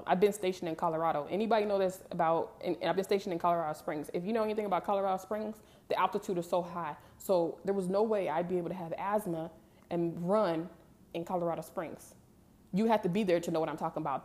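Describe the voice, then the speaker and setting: A woman in her thirties with a fairly low voice tells a personal story to the camera. She rambles and restarts her sentences, talking casually like she is chatting with a friend. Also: a little mellow. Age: 30s. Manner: rambling, restarts often, sighs and laughs. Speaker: vlogger.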